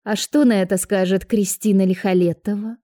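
A woman's voice: mid-range voice, fairly even intonation, normal speed, warm tone, close to an everyday voice. A woman voicing a grandmother magically made young again, eager and prone to blurting things out. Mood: flustered.

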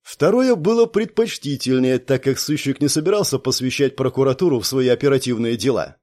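A man reading a detective novel aloud in measured scripted narration. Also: mid-range voice, dark tone. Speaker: audiobook narrator.

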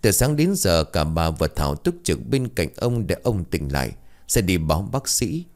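A man tells a ghost story in a low voice. His pitch swings widely, giving the narration a dramatic, expressive rise and fall. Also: normal speed.

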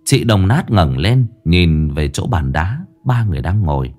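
A man narrating a horror story in a dramatic, lively way. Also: low-pitched, a little slow.

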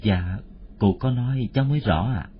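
A man's voice: lowish voice, normal speed, a little hiss or hum, natural voice. A man doing a humble young wandering musician. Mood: polite, earnest. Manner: deferential, polite. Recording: muffled lo-fi audio.

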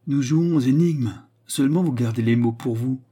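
A proud young nobleman speaks with stiff, barely held anger, as a male narrator gives him voice. The voice is husky and dark. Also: mid-range voice, moderate pace, lightly acted. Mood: indignant. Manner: stiff, indignant.

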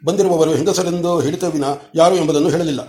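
A man reading a novel aloud at a steady pace, repeating words to fix small slips. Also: fairly high pitch, fast. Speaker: audiobook reader. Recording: roomy echoey room.

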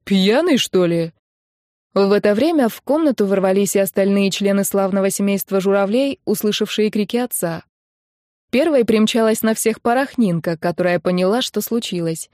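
Woman reading a story aloud, lively and expressive, mid pitch, close dry mic. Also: brisk, no room sound. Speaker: audiobook reader. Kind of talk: audiobook narration.

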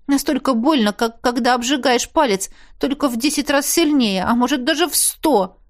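A woman's voice: sits high, moderate pace. A woman narrating a first-person story as an audiobook reader, intimate and emotional.

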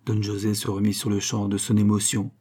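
A man reading a classic adventure novel aloud as the narrator, in a measured, dramatic manner. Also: on the low side, level tone, mellow, breathy edge. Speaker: audiobook narrator.

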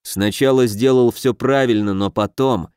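A man voicing a stern, cold male dark mage teacher in an audiobook, speaking slowly and in a cutting way, a little lower than his own voice. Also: clean tone, no room sound, studio quality, lightly acted. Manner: cutting, slow and measured. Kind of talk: audiobook character voice.

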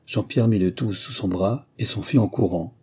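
A man calmly narrating a fairy tale audiobook in a measured storytelling manner. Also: on the low side, husky.

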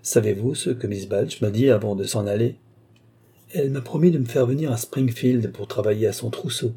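A man reading aloud, voicing a timid, anxious young seamstress girl in a storybook with a soft, hesitant manner. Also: mid-range voice, normal speed, slightly rough.

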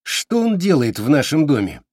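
Brash sarcastic young guy, read by a man, blunt, husky, animated pitch. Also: moderate pace, no room sound, clean studio sound.

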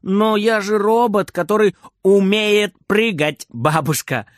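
A man's voice: high voice, a little slow, a bit bright, dry recording, clean studio sound, voice pushed up. A man voicing a small playful boy who pesters his grandmother and pretends to be a robot, whiny and eager. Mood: excited.

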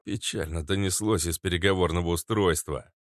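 A man's voice: sits low, steady tone, a little fast, no room sound, clean studio sound. A man reading a first-person audiobook in a wry, sardonic tone. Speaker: audiobook narrator.

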